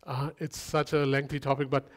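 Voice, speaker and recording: A man's voice: mid-range voice, little pitch movement, moderate pace. A man preaching a sermon in a conversational way, with humorous asides and repeated phrases that build up.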